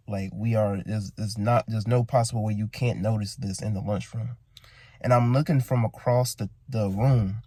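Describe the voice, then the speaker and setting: A man's voice: mid-range voice, warm tone, no room sound. A man with a groggy morning voice telling a long story in a casual, rambling vlog, full of restarts and asides. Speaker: vlogger.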